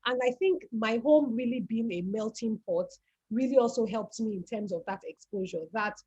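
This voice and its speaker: Telling her family's story as a guest on an online talk, a woman with a Nigerian accent speaks in a slightly high, dark-toned, somewhat rough voice at a moderate pace. She's reflective and often repeats words while searching for them, and the recording is dull lo-fi call audio.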